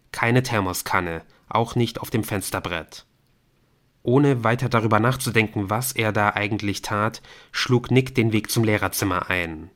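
A man narrates a novel in a steady, measured reading voice. His pitch sits on the low side, and the delivery stays even and scripted. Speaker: audiobook narrator.

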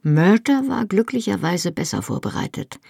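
A reader telling a novel in the first person, measured and even. The voice has a gravelly, husky grain, recorded close and dry with no room sound. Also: female voice, medium pitch, no room sound. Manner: measured storytelling. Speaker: audiobook narrator.

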